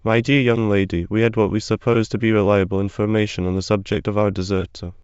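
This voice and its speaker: A stern officer barks curt orders, as a man reads him. The voice sits lowish and smooth. The recording is dry and dull. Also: moderate pace, a little mellow, dry recording, lightly acted. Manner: curt, commanding.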